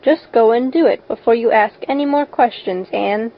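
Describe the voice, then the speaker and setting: A woman's voice: fairly high pitch, normal speed. A woman voicing a stern, practical older guardian in an audiobook, firm and matter-of-fact, on a slightly dull recording. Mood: immovable. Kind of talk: audiobook character voice.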